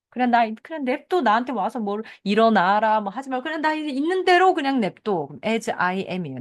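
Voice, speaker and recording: A middle-aged woman from South Korea giving a chatty English lesson in Korean, explaining set phrases through example sentences. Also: lowish voice. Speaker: English teacher. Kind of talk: casual online English lesson.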